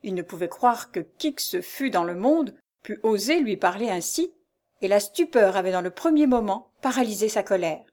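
A woman reads a novel aloud as narrator. Her delivery is steady and measured. She carries the story between the characters' lines. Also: mid-range voice. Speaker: reader.

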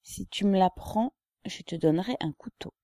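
A woman's voice: medium pitch, moderate pace, dark tone, no echo, studio quality, pitched above the performer's own voice, lightly acted. A woman doing a muffled, plaintive pockmarked young man. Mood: eager. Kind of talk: audiobook character voice.

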